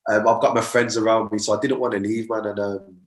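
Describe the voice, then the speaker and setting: A man's voice: lowish voice, flat delivery, quick pace. A young man, a mindset coach talking earnestly as a podcast guest, often tagging "man" and "you get me" onto his sentences. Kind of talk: podcast conversation. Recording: roomy echo.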